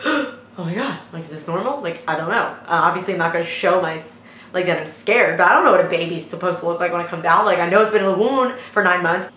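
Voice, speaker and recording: A young woman, a nursing student, telling a story casually in a chatty, animated way with lots of filler words. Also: medium pitch. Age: young adult. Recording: echoey room with faint noise.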